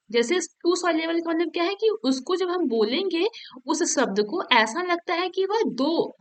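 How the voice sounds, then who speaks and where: A woman with a voice that sits high teaches from an exam paper, walking through each step and checking in with her students along the way. She reads the English examples out slowly.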